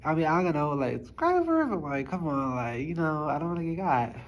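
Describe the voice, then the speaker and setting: A young woman with a low voice talks to her YouTube viewers from a small study room, very animated and a bit quick, her articulation loose. The chat is informal, with slight background noise.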